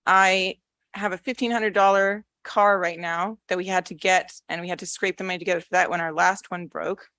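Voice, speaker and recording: A woman's voice: on the low side, fairly even intonation, fairly quick, bright, forceful tone, dry recording. A young woman speaking at a public hearing, nervous yet blunt and frustrated. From Canada. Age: young adult. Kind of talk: public comment. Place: council chamber.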